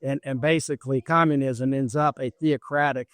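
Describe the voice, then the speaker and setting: A man's voice: mid-range voice, fairly even intonation, moderate pace, no echo. A man running for office, talking in an interview in an emphatic, lecturing way, repeating his points. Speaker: political candidate. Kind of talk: campaign interview.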